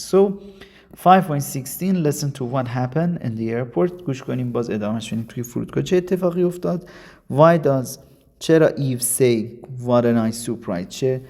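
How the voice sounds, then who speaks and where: A gravelly-voiced man from Iran leads a casual video lesson. He speaks at a medium pitch and coaxes his students along, mixing in slow English phrases. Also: dark tone. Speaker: English teacher.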